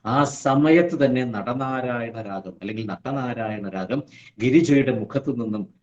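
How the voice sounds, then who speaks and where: A man giving a devotional scripture lesson who recites verses slowly and then explains them. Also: mid-range voice, muffled recording. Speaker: spiritual teacher.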